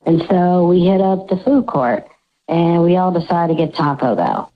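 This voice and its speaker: A man's voice: on the high side, very animated, normal speed. An anonymous male caller whose voice is disguised by a voice changer, casually telling a story on a call-in show. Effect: voice changer disguising his voice. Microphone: phone. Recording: dull phone line.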